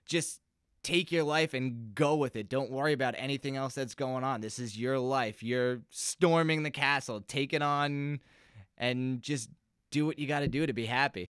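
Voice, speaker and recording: Bright, clear-voiced young man telling stories. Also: mid-range voice, moderate pace, dry recording, studio quality. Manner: chatty, acts out quoted voices in his stories. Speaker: musician guest. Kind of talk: casual interview storytelling. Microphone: close podcast microphone.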